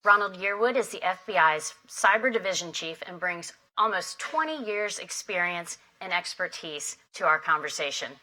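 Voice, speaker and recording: A woman opening an industry summit with a prepared, formal keynote speech, measured and emphatic. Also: fairly low pitch, animated, bright, forceful tone, rough recording. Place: conference hall.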